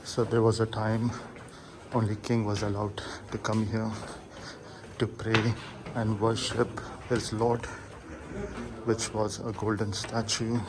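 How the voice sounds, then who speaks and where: Low, flat-toned man vlogging, noisy background. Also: takes it slowly, pauses often. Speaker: travel vlogger. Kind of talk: casual travel vlog narration. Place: at a large temple site. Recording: clear background noise, outdoor ambience.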